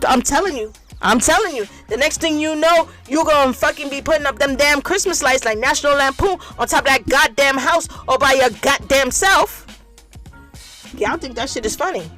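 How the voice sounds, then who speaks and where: A woman with a fairly high voice holds forth alone on her podcast in a loose, unscripted rant. She is blunt and profane, hammering her points by saying them again and again. Soft music plays faintly underneath. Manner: blunt, profane, emphatic, repeats points for effect. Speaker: podcast host. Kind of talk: casual monologue rant.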